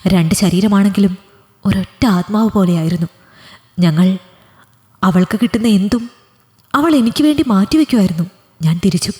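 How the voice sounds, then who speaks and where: A woman's voice: mid-range voice, moderate pace, pauses often, mellow, lightly acted. A woman voicing an anxious, desperate middle-aged mother who speaks in an urgent, pleading way in a storybook reading. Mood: reminiscing. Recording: long hall reverb.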